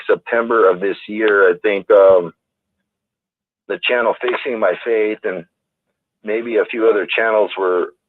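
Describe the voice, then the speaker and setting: A man's voice: on the low side, no echo. A man calling into a talk show over a crackly, static-filled phone line, hesitant and searching for words. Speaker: caller. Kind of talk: call-in chat. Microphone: telephone.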